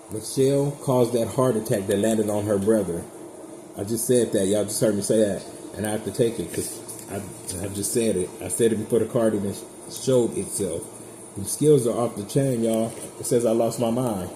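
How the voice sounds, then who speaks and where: A man's voice: lowish voice, fairly even intonation, moderate pace. A man giving a casual tarot reading straight to his viewers, chatty, blunt and profane. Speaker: tarot reader. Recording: echoey room with background noise.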